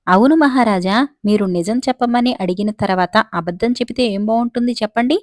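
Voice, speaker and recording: A woman's voice: mid-range voice, brisk, a little mellow, no room sound, lightly acted. A woman reads the part of a naive young man in love, stubborn and boastful as he insists on his claims. The voice is close and dry. It is a storybook telling. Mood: insistent.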